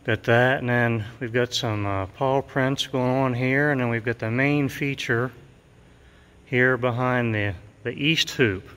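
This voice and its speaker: A middle-aged mural painter gives a casual walkthrough of his work in a large, empty school gymnasium, chatting with lots of fillers. His mid-range voice is smooth, a bit bright, and a little slow. The gym adds a long reverb.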